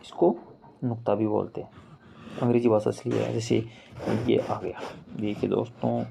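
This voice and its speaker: A man teaching Hindi grammar in a casual online lesson, explaining slowly and repeating examples as he addresses viewers as friends. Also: on the low side, steady tone, creaky, background noise. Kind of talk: casual screen-share lesson.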